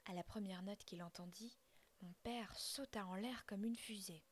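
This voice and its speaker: A woman reading a classic tale aloud in a soft, unvoiced ASMR whisper. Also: medium pitch, normal speed. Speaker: audiobook reader.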